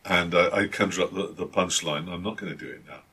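A man's voice: deep voice, fast talker, sharp tone, husky. A man, a tabletop game master, chatting casually and hesitantly with many restarts and fillers. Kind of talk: casual chat.

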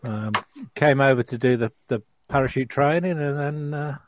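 A man chatting casually as a player in a tabletop game, halting and often repeating his words. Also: medium pitch, slight background noise. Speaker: tabletop role-playing player. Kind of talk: casual chat.

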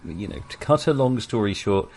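A man narrates as game master, pausing often with ums and restarts. His pitch moves around a lot as he talks. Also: expressive, a little mellow. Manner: hesitant, lots of fillers.

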